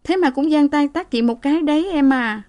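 A woman's voice: high voice, fairly quick, a little mellow, pitched above the performer's own voice, lightly acted. A woman voicing a young married woman who has been beaten, speaking in a raised, pleading, tearful way. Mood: aggrieved.

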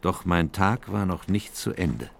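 An actor playing an earnest, troubled doctor who narrates a radio drama in a measured, reflective way. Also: male voice, low voice, lively intonation, creaky, slight background noise, full character voice. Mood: sombre reflection.

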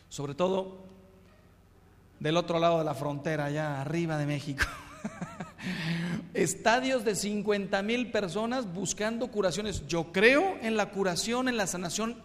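A middle-aged Mexican man, a priest, giving a humorous sermon with lively, punchy storytelling in a hall. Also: a little high. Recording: long hall reverb.

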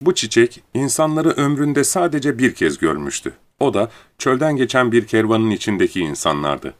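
A man narrating a storybook audiobook in a calm, even storytelling manner. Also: mid-range voice, moderate pace.

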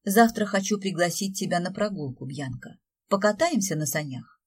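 Gentle young fiancé, read by a woman. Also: fairly low pitch, expressive, normal speed, breathy edge.

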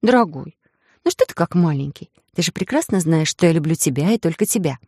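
A woman's voice: mid-range voice, expressive, brisk, a little mellow, dry recording, clean studio sound, close to an everyday voice. A woman voicing a playful, cunning young heroine in a romance audiobook, coy and teasing. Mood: sweet.

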